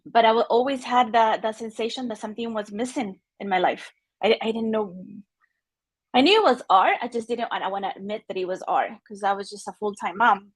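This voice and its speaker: A woman's voice: fairly high pitch, husky, dry recording. Chilean woman on a video call, spanish is her first language, lots of ums and restarts, dry sound. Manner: halting, many fillers and restarts. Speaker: NFT artist guest. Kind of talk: casual personal talk. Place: home studio with art on the walls.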